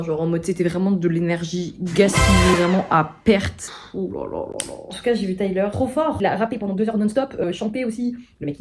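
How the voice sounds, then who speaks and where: A young woman talking casually to her viewers in a slangy vlog, swinging between loud remarks and murmured asides. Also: medium pitch. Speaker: vlogger.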